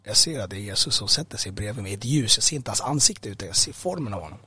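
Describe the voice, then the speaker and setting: A man giving a personal testimony in an interview. He talks conversationally and haltingly, with many fillers and repeated words. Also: on the low side, lively intonation, sharp tone, no room sound. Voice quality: husky. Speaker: interview guest.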